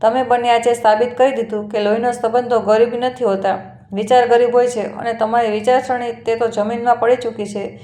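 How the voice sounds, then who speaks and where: A woman's voice: fairly high pitch, flat delivery, brisk, roomy sound, close to an everyday voice. Scornful rich daughter-in-law, read by a woman. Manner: scornful, sharp-tongued. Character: cruel haughty rich young daughter-in-law.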